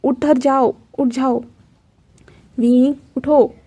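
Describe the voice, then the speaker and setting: Lanzhan, a calm reassuring young lover, as a woman tells it. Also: sits high, drawn-out words, husky, full character voice. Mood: soothing. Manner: soothing and firm. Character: young man, steady and reassuring, gently stern. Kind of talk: fan fiction storytelling.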